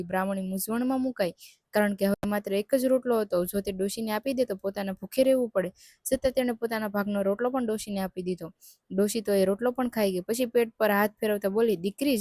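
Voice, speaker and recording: A woman narrating a devotional folk tale in a steady, measured reading. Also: mid-range voice, dry recording, clean studio sound. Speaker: storyteller.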